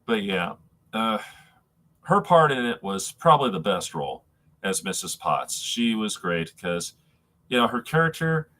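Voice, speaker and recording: A man speaks in a fairly low-pitched but bright, forceful voice with a stuffed-up, packed-nose sound. He streams live in a casual, rambling way, often stopping and restarting as he addresses his viewers. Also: big pitch swings, unhurried.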